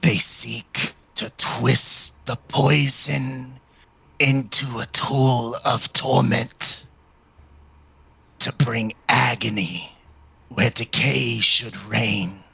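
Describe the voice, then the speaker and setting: A man voicing an urgent serpent spirit of plague, speaking in a drawn-out, ominous way as a game master. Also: mid-range voice, steady tone, vocal fry, bright, forceful tone, husky, no room sound, heavily acted. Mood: urgent, fearful. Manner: slow, drawn-out, ominous urging.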